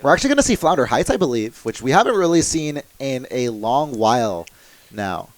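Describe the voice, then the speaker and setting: Brief: young male esports caster, excitable fast live commentary. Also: mid-range voice. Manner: fast excitable play-by-play with laughs.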